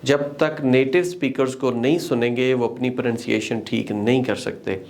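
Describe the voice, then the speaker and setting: A man's voice: medium pitch, steady tone, normal speed, creaky, a little mellow. A man presenting an English institute's courses in an explanatory way, switching between Hindi-Urdu and English and checking in with "okay" as he goes. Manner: explanatory, lists items, frequent "okay" checks. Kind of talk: promotional course walkthrough.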